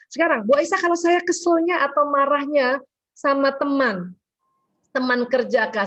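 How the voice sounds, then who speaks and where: High-pitched woman preaching health tips over a muffled zoom call, acts out little dialogues. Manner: animated, acts out quoted dialogue. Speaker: guest speaker, doctor. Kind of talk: lively religious health talk. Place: home, on a video call. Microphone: video call. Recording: dull lo-fi call audio.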